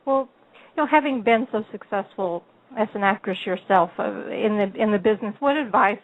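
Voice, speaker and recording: A friendly woman from Texas hosts an interview and laughs often. Her voice is mid-pitched and comes through a tinny phone line. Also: a little fast. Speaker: interviewer host. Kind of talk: casual interview talk.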